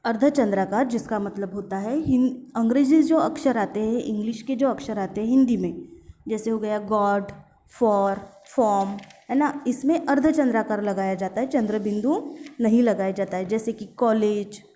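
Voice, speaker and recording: A woman teacher with a slightly high, dark-toned voice gives an online grammar lesson in Hindi mixed with English words. She explains slowly and repeats her examples.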